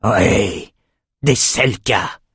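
A man voicing a fierce, brutal warrior king who speaks slowly and gruffly. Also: fairly low pitch, no echo, studio quality.

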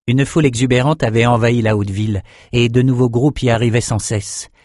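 A man reading a fantasy novel aloud as an audiobook narrator in an even, steady way. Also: medium pitch, a little fast, dry recording, studio quality. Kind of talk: scripted narration.

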